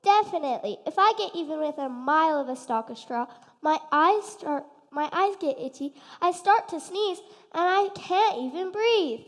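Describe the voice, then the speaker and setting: A woman's voice: high-pitched, animated, normal speed. A woman playing an anxious little pig with allergies in a stage play, speaking in a fretful, hypochondriac manner. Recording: stage in a reverberant hall.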